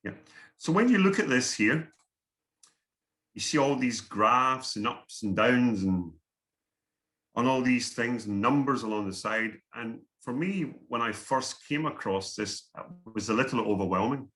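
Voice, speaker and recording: Unhurried and lively in intonation, this mid-range, fairly bright voice belongs to a middle-aged Scottish guest speaker with a Scottish accent. He earnestly gives an online workshop presentation over video call, repeating his words often.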